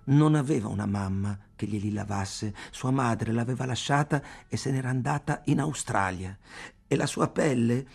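A man narrating an audiobook in a measured, deliberate way. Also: mid-range voice, vocal fry, darkish tone, slightly rough.

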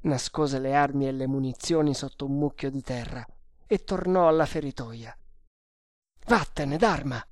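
A woman narrating an adventure novel aloud in a measured, deliberate way. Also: rumbling low, a little mellow, no room sound, studio quality. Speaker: audiobook narrator.

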